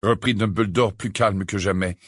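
A man narrating an audiobook in an expressive, dramatic reading. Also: on the low side, moderate pace, slightly rough, dry recording, studio quality. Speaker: audiobook reader. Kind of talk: scripted narration.

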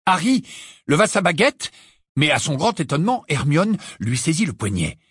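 Male audiobook narrator, expressive and dramatic, husky tone, lively pitch. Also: normal speed, dry recording, studio quality. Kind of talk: audiobook reading.

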